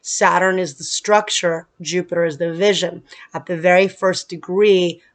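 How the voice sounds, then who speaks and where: A woman's voice: on the low side, steady tone, normal speed. A woman astrologer talking casually to her viewers, explaining planetary events while she is losing her voice and stumbles a little now and then. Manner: explanatory, with some restarts and filler. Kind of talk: casual astrology talk to camera. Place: humid place.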